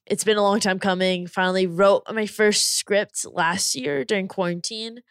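Smooth-voiced bubbly young woman guest. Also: medium pitch, fairly even intonation, moderate pace, dry recording, clean studio sound. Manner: bubbly, eager, many ums and likes. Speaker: podcast guest, YouTuber. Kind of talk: casual chat. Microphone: remote call.

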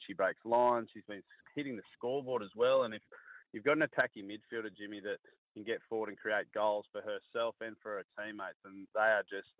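A man's voice: lowish voice, dry recording. A man with an Australian accent chatting casually about sport as a pundit, in a blokey, laid-back, matey way full of slang. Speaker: sports pundit and former player. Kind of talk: casual radio sports chat. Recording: tinny phone line.

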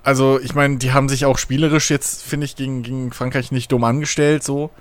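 A man's voice: mid-range voice, level tone, brisk, crowd noise. A man chatting casually about football as a podcast co-host, hesitant, with many fillers and restarts.

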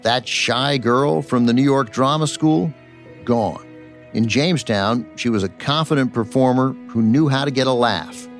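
A man narrates a scripted documentary as its host. His mid-pitched voice tells the story in polished, written sentences, with soft music underneath. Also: measured pace. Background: faint music.

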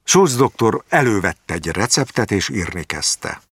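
Low-voiced man reading a story. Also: lively intonation, fairly bright tone, dry recording, clean studio sound. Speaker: narrator. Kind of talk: literary short story reading.

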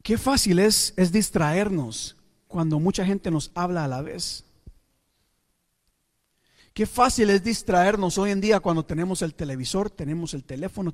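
A man preaching a sermon as pastor, with dramatic pauses and occasional English asides. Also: a little high. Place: church. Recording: church hall reverb.

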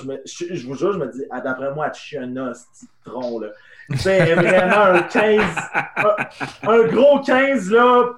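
A young man with a Québécois French accent telling an animated anecdote in casual chat, dropping to hushed tones for the punchlines. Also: sits high, echoey room. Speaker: improv guest. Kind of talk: casual storytelling.

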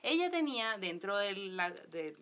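Bright-voiced Mexican woman co-host. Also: medium pitch. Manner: lively, slangy, quick asides. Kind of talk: casual storytelling.

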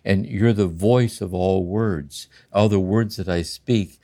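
An older man in a slow, contemplative spiritual conversation, often checking in with "See?". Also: on the low side, warm tone. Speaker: podcast host and spiritual teacher.

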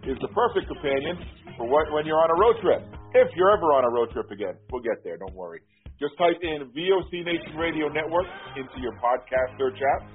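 A man hosting a podcast, reading an upbeat intro with wry asides. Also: medium pitch. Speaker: podcast host. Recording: tinny phone-like audio with faint music.

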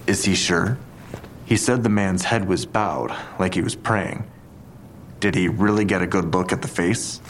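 In an audio drama, a male actor with a low voice plays a skeptical police detective, speaking tersely, drily and deliberately. The mood is pensive and skeptical, with slight background noise.

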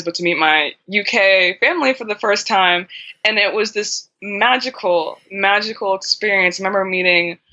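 A woman guest in a casual interview conversation, an animated storyteller who acts out quoted dialogue. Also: lowish voice. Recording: dull lo-fi sound.

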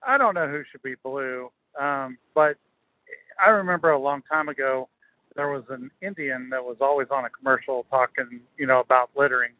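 A man's voice: medium pitch, normal speed, no room sound. A man chatting casually as a caller to a radio show over the phone. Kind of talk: casual chat. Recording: thin phone line.

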